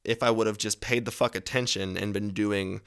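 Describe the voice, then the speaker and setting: A man's voice: fairly low pitch, fairly even intonation, moderate pace, fairly bright tone, smooth. Young man giving rambling casual advice. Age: 20s. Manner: rambling, swears freely, corrects himself mid-sentence. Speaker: podcast host.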